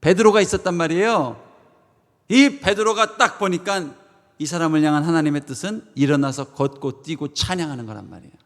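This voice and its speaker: A pastor preaching a Sunday sermon, swinging from loud proclamations to hushed asides and asking the congregation rhetorical questions. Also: male voice, on the high side. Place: church sanctuary. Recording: long church reverb.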